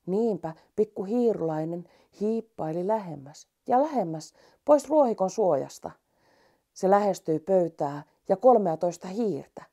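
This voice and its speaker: Lady reading a kids' bedtime story, voice moves up and down a lot, gentle. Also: medium pitch, expressive.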